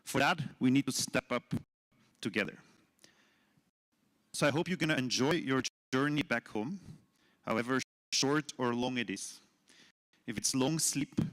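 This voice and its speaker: Man at mid pitch, reflective closing speaker who leans on repeated phrases. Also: a little slow, long pauses, fairly bright tone. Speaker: conference speaker. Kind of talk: formal closing speech.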